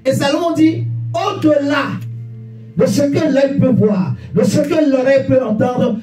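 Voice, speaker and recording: An extremely high-pitched male voice with a dark tone and a slightly slow pace delivers an exhorting sermon, full of repeated phrases and rhetorical questions aimed at the listeners. The sound comes through a distant mic in an echoey room, with faint music behind it.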